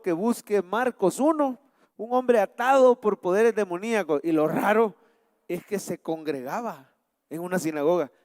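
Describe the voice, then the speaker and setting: High, resonant preaching man in a church. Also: darkish tone, no echo, studio quality, big-room sound. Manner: emphatic preaching with call-and-response questions. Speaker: pastor. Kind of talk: sermon with scripture reading and prayer. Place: church sanctuary.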